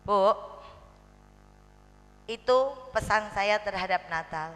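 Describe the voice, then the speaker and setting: A woman's voice: mid-range voice, steady tone, takes it slowly, a bit bright, faint music behind. A woman with a Javanese accent, preaching to a women's gathering in a humorous, chatty way and slipping into Javanese. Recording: long hall reverb.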